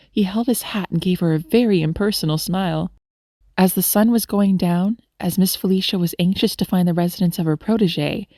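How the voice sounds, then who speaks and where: Woman narrator, low voice, gentle storybook reading, dry close sound. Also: no echo. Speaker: audiobook narrator.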